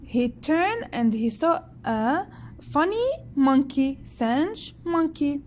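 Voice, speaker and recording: A woman reads a children's story in French at a very slow, careful pace, stopping to spell letters and point out silent endings. Her voice sits a bit high and swings widely in pitch. Faint ambient noise sits behind her. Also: animated, darkish tone. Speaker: teacher. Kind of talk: slow read-aloud French lesson for children, with English glosses.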